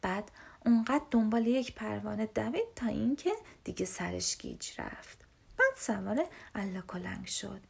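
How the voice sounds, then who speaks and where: Husky woman whispering a storybook. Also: mid-range voice, lively intonation. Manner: soft, often whispered narration. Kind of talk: half-whispered storybook reading.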